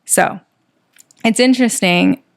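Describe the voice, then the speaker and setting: Chatty expressive young woman podcaster. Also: medium pitch, slow. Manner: expressive, reaction-based, lots of "like" fillers. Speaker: podcast co-host. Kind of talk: casual chat.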